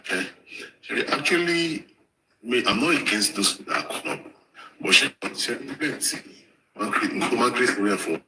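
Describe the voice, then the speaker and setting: A man calling in over a glitchy, breaking-up phone connection, talking haltingly and repeating words. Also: on the low side. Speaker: caller. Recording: echoey, noisy call line.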